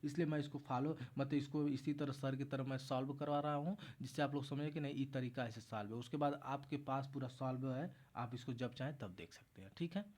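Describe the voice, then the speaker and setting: A man's voice: medium pitch, brisk, hardly any pauses, darkish tone. Man talking through math problems aloud. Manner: explains step by step, repeats himself, keeps addressing "guys". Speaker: math tutor. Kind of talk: casual exam-prep math lesson.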